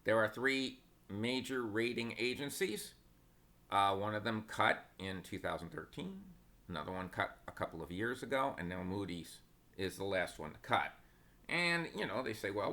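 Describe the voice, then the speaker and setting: A man's voice: fairly low pitch, expressive, normal speed, sharp tone. A man giving casual stock market commentary, opinionated and sarcastic, wandering into asides.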